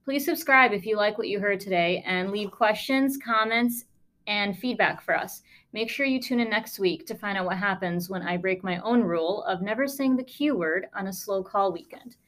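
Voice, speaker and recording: A woman's voice: medium pitch, moderate pace, fairly bright tone. A woman podcast host, a lung doctor, telling a case story in a conversational, emphatic way with sarcastic asides.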